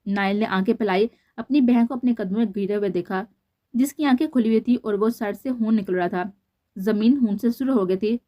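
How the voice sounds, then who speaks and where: Woman reading a novel, muffled sound. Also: medium pitch. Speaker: novel narrator. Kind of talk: reading a romance novel aloud. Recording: dull lo-fi recording.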